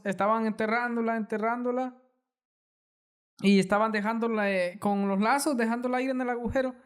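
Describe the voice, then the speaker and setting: A podcast host, chatting casually with a guest, hedging and adding quick asides. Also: mid-range voice. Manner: conversational, hedging, fast asides. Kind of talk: casual interview chat.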